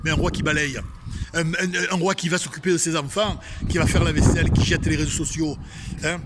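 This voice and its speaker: A man's voice: fairly high pitch, steady tone, a little fast, very noisy. A man with a Marseille accent giving an inspirational religious talk outdoors, emphatic and repetitive, speaking straight to his listeners. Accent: Marseille French. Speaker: spiritual speaker. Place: outdoors facing a tree.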